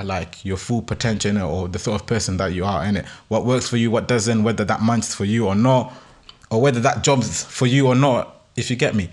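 A young man in his twenties speaks in a London roadman accent with a slightly low-pitched voice. He talks like a podcast host giving casual motivational advice, peppering his sentences with urban slang and tag questions. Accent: London, urban roadman slang style. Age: 20s. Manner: street-slang talk with constant "innit" tags. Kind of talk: casual motivational monologue to listeners.

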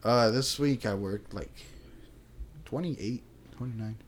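A man's voice: medium pitch, slow, a crowd in the background. A young man co-hosting a casual chat with friends, teasing, swearing and laughing often. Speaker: podcast co-host.

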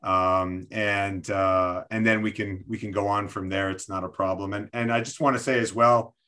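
Halting low-voiced man leading a workshop. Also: steady tone, bright, forceful tone, smooth. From Quebec City, Canada. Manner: hesitant, many fillers and restarts. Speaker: coaching workshop presenter. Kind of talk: online workshop talk. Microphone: video call.

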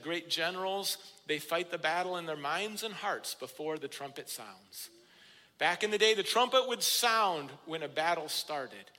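A man's voice: sits high, sharp tone. A man preaching a sermon to his church, building to emphatic, rising declarations. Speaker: pastor. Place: church sanctuary. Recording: church hall with long reverb.

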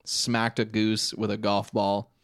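A man's voice: fairly low pitch, completely flat delivery, slow pace. A young man chatting casually as a podcast host, retelling a funny moment with frequent laughter and lots of "like" and "dude". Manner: laughing storyteller, says "like" and "dude" a lot. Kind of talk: casual chat.

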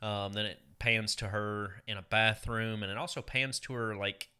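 A man with a low, bright, forceful voice co-hosts a casual chat show. He talks loosely and hesitantly, filling pauses with "um" as he recounts things. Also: smooth. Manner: relaxed, hesitant, many fillers. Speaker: podcast co-host.

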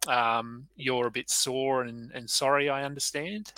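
A man's voice: mid-range voice, fairly even intonation, unhurried, pushed and bright, no echo, rough recording. A man hosting a casual podcast, chatty and loose with plenty of fillers and restarts. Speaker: podcast host.

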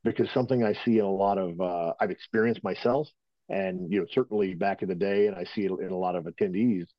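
Speaking from home, a firearms instructor gives long, filler-laden answers in a rambling, conversational interview. He has a deep voice with fairly even intonation and a quick pace, and the lo-fi recording has no room sound.

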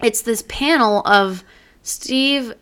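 A woman's voice: fairly high pitch, takes it slowly, a bit bright. A woman co-hosting a casual chat, rambling through a comic's plot and acting out the characters' lines as she goes. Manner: rambling retelling, acting out quotes. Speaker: podcast co-host.

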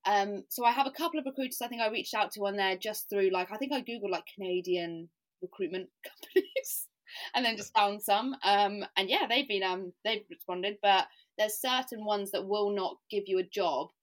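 A woman's voice: mid-range voice, normal speed. Chatty woman in her thirties. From England. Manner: chatty, self-deprecating, laughs often, lots of "like". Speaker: guest. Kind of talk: casual podcast conversation.

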